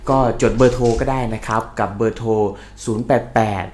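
A man's voice: mid-range voice, level tone, a little mellow, slight background noise. A man co-hosting a casual live-streamed talk show in Thai, chatting and reading out sponsor details. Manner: friendly, reads out sponsor details slowly. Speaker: co-host of a live podcast.

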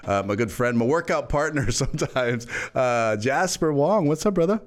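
A man's voice: mid-range voice, lively intonation, normal speed. A man hosting a casual interview podcast over a video call, upbeat and laughing often. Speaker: podcast host.

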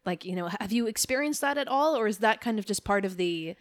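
A woman's voice: mid-range voice, lively intonation, brisk. A woman hosting a casual podcast chat, asking questions in a curious, chatty way.

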